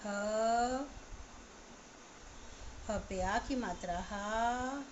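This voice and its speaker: A woman teacher giving an online class to young children, spelling words out slowly sound by sound. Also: a little high, a little hiss or hum. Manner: slow, sound-by-sound spelling aloud. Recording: slightly dull, lo-fi recording.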